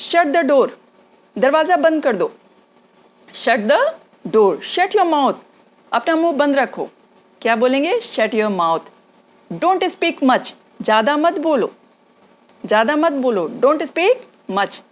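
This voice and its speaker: A woman teaching spoken English, slowly repeating example phrases for learners to copy. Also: sits high. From India. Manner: slow drilled repetition of example phrases.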